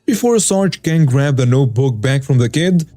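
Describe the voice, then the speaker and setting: A man narrating a reader-submitted story in a steady, matter-of-fact way. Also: medium pitch, normal speed, no room sound, faint music behind.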